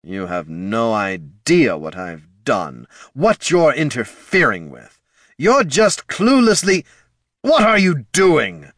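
A man voicing an exasperated, scornful undead sorcerer father in an audiobook, speaking slowly and with contempt. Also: medium pitch, huge pitch swings, a bit bright, dry recording, studio quality, voice pushed up, full character voice. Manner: slow, weary, contemptuous. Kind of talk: audiobook character voice.

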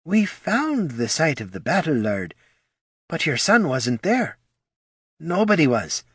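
A man's voice: on the high side, huge pitch swings, slow, breathy edge, dry recording, studio quality, voice pushed up, exaggerated voice. A man voicing a nervous, fumbling spectral woman who apologizes and hedges as she delivers bad news. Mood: flustered.

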